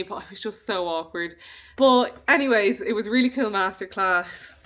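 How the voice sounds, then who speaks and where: A woman's voice: medium pitch, fairly bright tone. A young woman chatting casually to camera in a vlog, rambling along with frequent ums. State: hiccuping. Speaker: beauty vlogger.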